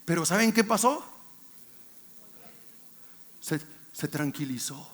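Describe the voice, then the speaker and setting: A male pastor with a Mexican accent preaching a sermon in a colloquial way, bursting into shouts for emphasis. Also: a little high, lively intonation, takes it slowly.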